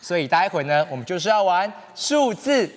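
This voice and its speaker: Lively, gentle young man hosting for small children. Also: high-pitched, moderate pace. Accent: Taiwanese Mandarin. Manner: gentle, patient talk to small children, as if reading to a toddler; playful, encouraging. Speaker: children's TV game show host. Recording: music playing behind the voice.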